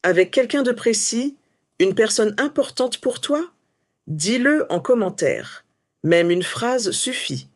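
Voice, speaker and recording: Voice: mid-range voice, lively intonation, slow, no echo, studio quality. A French teacher delivering a scripted motivational lesson, coaching the listener with many rhetorical questions.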